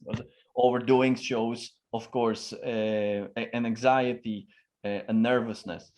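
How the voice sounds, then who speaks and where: A man's voice: medium pitch, fairly even intonation, slow pace, a little mellow. A man answering interview questions as a communication expert, talking emphatically with lots of tonal variation and frequent fillers. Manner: emphatic, varies his tone a lot, frequent fillers.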